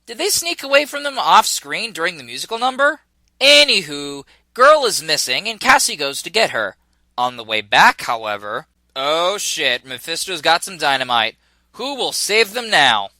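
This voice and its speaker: A man's voice: a little high, big pitch swings, normal speed, pushed and bright, no echo. A man narrating a scripted comedic video game review in a sarcastic, exasperated way.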